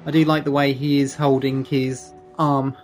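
A man's voice: medium pitch, little pitch movement, normal speed, faint music behind. A man chatting casually while watching a show, rambling with lots of "it's just like". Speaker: commentator reacting to a TV show. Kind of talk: casual chat.

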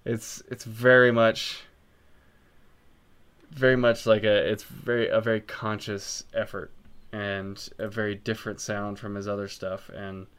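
Low, smooth-voiced man rambling casually. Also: flat delivery, unhurried, a bit bright. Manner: rambling, many ums and restarts. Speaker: podcast co-host. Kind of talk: casual music chat.

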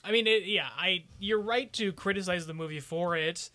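A man with a high-pitched, bright, ringing voice chats as a movie podcast co-host. He is wry and drops jokey asides. His delivery stays loose and conversational. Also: normal speed. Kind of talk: casual movie discussion.

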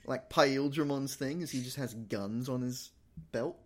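Everyday male co-host at a middle pitch, chatty and eager. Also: measured pace. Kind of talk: casual chat.

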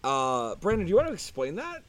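A man's voice: a little high, wildly swooping pitch, a little fast, dry recording. A man hosting a casual podcast outdoors, joking and swearing through crude banter with friends. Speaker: podcast host. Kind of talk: casual chat.

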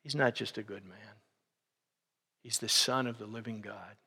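A man's voice: fairly low pitch, steady tone, normal speed, pushed and bright, breathy edge, long reverb tail. A man preaching a sermon as pastor, teaching steadily and then rising to emphatic preaching.

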